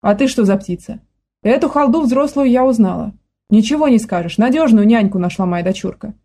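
A woman voicing a spiteful old grandmother who barks and scolds in a hoarse, smoky voice. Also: on the high side, lively intonation, fairly quick, warm tone. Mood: shrill scolding. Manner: barking, scolding.

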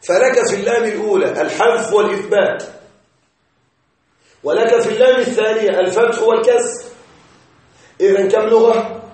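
A male grammar teacher with a high, slightly mellow voice lectures slowly, repeating each point and checking whether his students follow. The recording is very echoey and distant, as if captured from the back of a bare classroom far from the mic.

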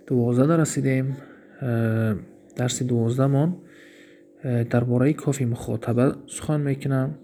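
A man's voice: medium pitch, dark tone, slight background noise. A man with a Tajik accent teaching Arabic grammar in a recorded lesson, reading each example and then translating it, and posing questions he answers himself. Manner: explains slowly, asks himself questions and answers them.

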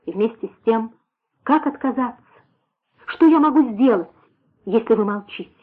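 A woman's voice: a little high, animated, normal speed. A woman reading an audiobook, voicing an anguished young man who pleads and questions with passion. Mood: pleading. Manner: impassioned, questioning. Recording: tinny phone-like sound.

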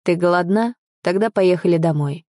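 A woman's voice: on the low side, moderate pace, dark tone, no echo, studio quality, close to an everyday voice. Woman voicing a bitter young man. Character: brooding young man in a wheelchair.

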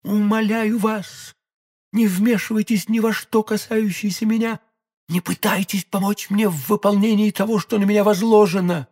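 Man doing a pleading young woman, raised and husky. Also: high voice, flat delivery, normal speed, a little mellow, pitched above the performer's own voice. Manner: pleading, alarmed. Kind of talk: audiobook character voice.

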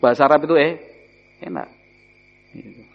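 A man's voice: a little high, big pitch swings, fairly quick, creaky. A man teaching an Islamic study lesson, explaining Arabic words and asking his listeners questions. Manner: explains Arabic terms, asks the audience questions; sprinkles in Javanese. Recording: dull recording in a hall.

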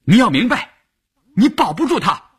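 Shrill angry woman cadre played by a man, high-pitched, husky. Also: very animated, normal speed, full character voice. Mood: screaming. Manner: shrill shouting. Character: indignant middle-aged woman cadre, shrill accuser.

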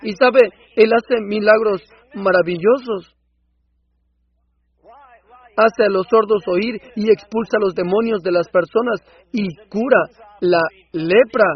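A man dubbing a sermon in an impassioned preaching manner that swells into loud outbursts, on a dull lo-fi recording. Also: high voice, slow, slightly rough. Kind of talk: Spanish voice-over of a sermon.

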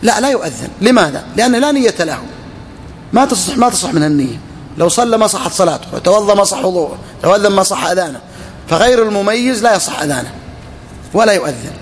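A man teaching a lesson to students, reading a text slowly and then explaining it, often repeating his phrases. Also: high-pitched, lively intonation, a little hiss or hum. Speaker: sheikh teaching a book. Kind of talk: classroom lesson on Islamic law.

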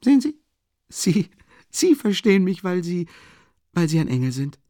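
A man reading an audiobook voices a drunk, rapturous young man who babbles in an excitable, gushing rush. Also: medium pitch, moderate pace, creaky, no echo, clean studio sound, voice pushed up. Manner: excitable, gushing, tumbling speech. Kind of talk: audiobook character voice.

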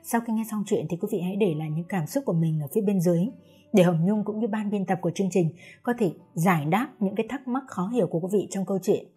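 A woman's voice: mid-range voice, fast talker, dark tone, husky. A woman host politely introducing a story episode in formal terms. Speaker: channel host. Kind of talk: scripted channel intro. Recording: faint background music.

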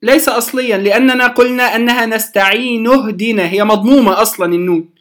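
A man with an Egyptian accent teaching a beginners' tajweed lesson, explaining rules with everyday examples and slowing down to recite verses. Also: high-pitched, a bit bright.

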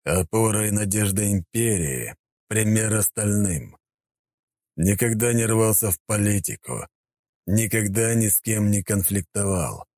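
A man voicing a calm, cold male emperor who speaks in a slow, measured way. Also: on the low side, dry recording, pitched above the performer's own voice.

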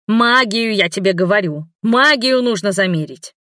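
A woman's voice: medium pitch, a little fast, no room sound, clean studio sound, natural voice. Woman doing a bossy, fiery nun. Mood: angry. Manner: insistent, loud and scolding. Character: bossy, hot-tempered middle-aged nun.

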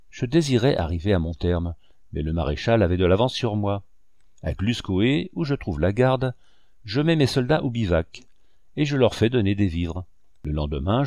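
A man's voice: lowish voice, darkish tone, no echo, clean studio sound. Man reading a memoir aloud. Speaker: audiobook narrator. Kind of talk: first-person memoir reading.

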